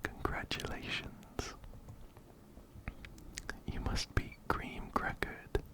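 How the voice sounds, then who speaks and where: In poor audio, an ASMR game streamer plays through a game and reads it aloud in a slow, breathy, unvoiced whisper. He sits close to a binaural microphone that picks him up ear to ear, staying gentle and unhurried as he softly repeats words.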